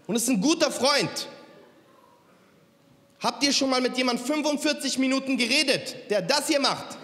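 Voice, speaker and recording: A man's voice: very high-pitched, moderate pace, sharp tone. A man performing a stand-up comedy set on a club stage, talking straight to the crowd and slipping into mimicked voices. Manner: punchy, mimics accents and voices, addresses crowd. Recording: live stage in a hall with reverb, faint crowd noise.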